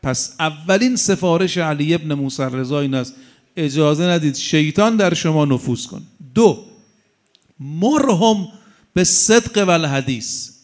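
A middle-aged man delivering a sermon in a fairly high-pitched voice. He talks in an animated, storytelling way, mixing humor and asides with earnest exhortation. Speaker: preacher.

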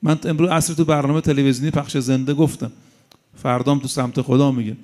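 A middle-aged man preaching a sermon, telling stories with humor and asides to his listeners. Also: medium pitch. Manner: animated, storytelling with humor and asides.

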